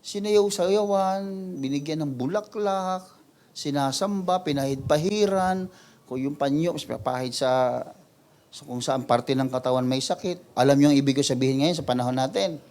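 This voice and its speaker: Pastor guy preaching bible study, lively, mixes english verses in, voices people high and loud sometimes. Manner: animated preaching, voices quoted people, big pitch swings; mixes English verses into Tagalog, halting restarts. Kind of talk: mid-week Bible study sermon.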